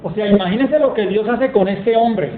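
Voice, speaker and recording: A man delivers a sermon with emphatic storytelling, reading scripture passages aloud in a high voice. The sound is thin and phone-like, bouncing around a roomy church hall with a faint hiss behind it. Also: moderate pace. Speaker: preacher.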